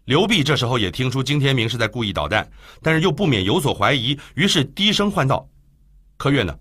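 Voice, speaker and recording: A man narrating an audiobook in an expressive storytelling manner. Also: medium pitch, quick pace, breathy edge. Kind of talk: scripted narration.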